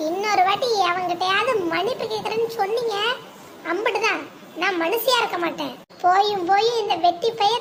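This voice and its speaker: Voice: extremely high pitch, a bit bright, slight background noise. A performer voicing a fiery young wife in a cartoon family drama who scolds sharply and combatively. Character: fiery young wife defending her husband.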